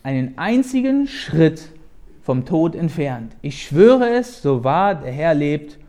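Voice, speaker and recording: A man's voice: a little high, very animated, slow, dark tone. A man reading the lines of David, a frightened young man pleading with his friend for his life, in an urgent voice. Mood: fearful.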